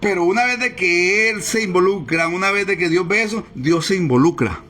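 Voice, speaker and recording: A man's voice: high voice, fairly quick, bright, forceful tone. A man preaching a sermon as pastor, emphatic and repetitive as he drives his points home. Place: church service, streamed live.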